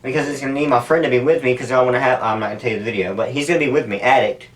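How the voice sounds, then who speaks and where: A man vlogs in a casual, meandering way, speaking candidly and with some swearing. His pitch is medium, and he is picked up from a distance, as if by a camera set away from him. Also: very fast. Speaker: YouTuber making stunt videos. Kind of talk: casual rambling talk to camera. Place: indoors at home, sitting in an ice bath. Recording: distant, off-mic camera audio.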